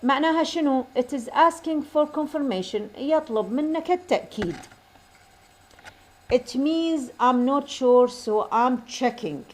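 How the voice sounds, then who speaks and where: Woman, English teacher, slow careful English examples, fast explanations. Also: high-pitched, expressive. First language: Arabic. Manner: switches between slow, deliberate English examples and rapid Arabic explanation. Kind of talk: bilingual grammar lesson.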